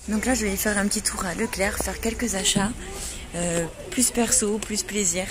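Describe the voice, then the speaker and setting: A woman chatting casually to camera about her day, relaxed and full of fillers. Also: medium pitch, normal speed. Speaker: vlogger preparing for a fitness competition. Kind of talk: casual vlog narration.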